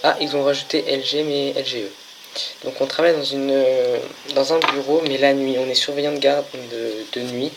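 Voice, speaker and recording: A man of medium pitch chats casually through a let's-play, filling gaps with hesitant pauses and fumbling through English on-screen text. A clear hiss of noise sits under his voice throughout the recording. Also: little pitch movement. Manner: hesitant, lots of filler pauses, stumbles reading English. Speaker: gaming channel host. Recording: noisy home recording.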